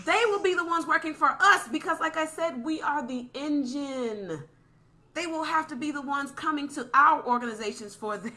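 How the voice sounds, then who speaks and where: A woman speaks with a high, bright, forceful voice in a passionate, preachy podcast monologue. She circles back and repeats her points for emphasis, building to a soapbox pitch.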